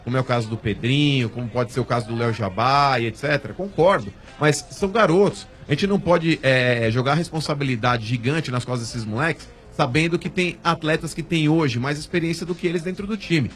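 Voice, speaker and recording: Rapid-fire Brazilian man arguing football. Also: medium pitch, fairly bright tone. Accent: Brazilian Portuguese. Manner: insistent, cuts in, repeats his point. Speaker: sports show panelist. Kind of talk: heated football debate. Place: radio studio.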